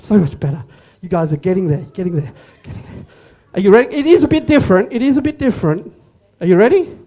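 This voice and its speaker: Male pastor, unusually high pitch, lively sermon full of jokes and call-and-response. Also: fast. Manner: animated, joking, repeats words, calls on audience. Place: church service room.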